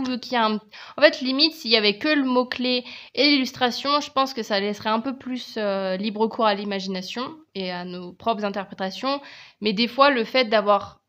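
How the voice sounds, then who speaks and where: A woman's voice: a little high, normal speed, fairly bright tone. French woman showing off oracle cards, casual vlog chat, lots of euh and restarts. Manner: chatty, hesitant, lots of fillers and restarts. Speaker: tarot and oracle card reviewer. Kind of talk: casual video presentation.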